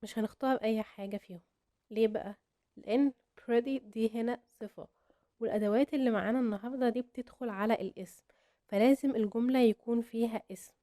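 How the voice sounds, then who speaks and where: A young woman with an Egyptian Arabic accent, giving a casual English grammar lesson and explaining step by step while drilling example phrases slowly. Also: fairly high pitch, fairly even intonation, mellow, dry recording, clean studio sound. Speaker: English teacher.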